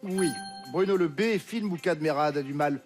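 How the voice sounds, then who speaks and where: A man hosting a television quiz show, reading clues briskly and confirming answers. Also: a little high, soft background music. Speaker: game show host. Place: television studio with audience.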